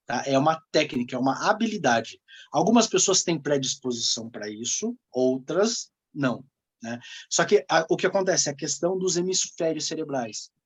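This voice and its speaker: A man with a Brazilian Portuguese accent, coaching as a sales mentor in an emphatic, animated way. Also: a little high, moderate pace, husky. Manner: emphatic, animated, laughs often. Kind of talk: coaching talk.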